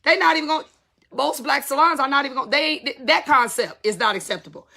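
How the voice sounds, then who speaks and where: Bright, gravelly-voiced woman in her fifties. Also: high voice, fast talker. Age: 50s. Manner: candid, emphatic, conversational slang. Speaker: salon business educator. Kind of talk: casual talk to viewers.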